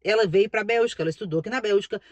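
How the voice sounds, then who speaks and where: A woman's voice: medium pitch, rapid-fire, no room sound. A middle-aged woman from Brazil with a Brazilian Portuguese accent, chatting casually to camera as a vlogger, emphatic and repeating herself for stress.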